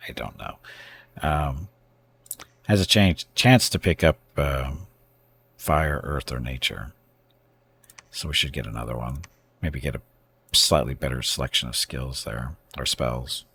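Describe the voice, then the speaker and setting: A man with a very deep, gravelly voice thinks aloud while playing a strategy game on a live stream. He pauses, hesitates and corrects himself as he weighs his next moves. A faint hiss sits under the recording. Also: fairly bright tone. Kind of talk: casual gameplay commentary.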